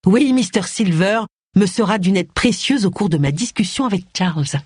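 Woman doing a resolute middle-aged sleuth, lively and breathy, for an audiobook. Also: mid-range voice, moderate pace, dry recording, clean studio sound, voice pushed up.

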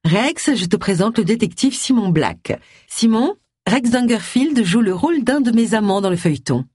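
A woman voicing a glamorous, flirty soap actress with a husky, bright, teasing voice. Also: on the high side, animated, moderate pace, dry recording, studio quality, pitched above the performer's own voice. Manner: bright, playful and mocking.

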